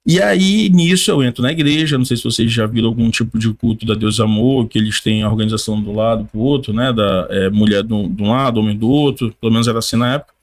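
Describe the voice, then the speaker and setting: A man on a podcast giving his personal faith testimony in casual conversation, a lively storyteller who acts out what others said, with informal slang. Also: mid-range voice, fast talker, few pauses. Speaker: podcast guest.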